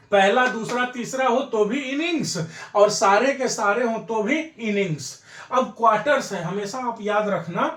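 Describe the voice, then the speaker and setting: A man's voice: high-pitched, roomy sound. A man teaching English grammar for exam preparation, repeating each point and asking his students rhetorical questions. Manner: repetitive, drilling explanations with rhetorical questions. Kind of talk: exam-prep grammar lesson.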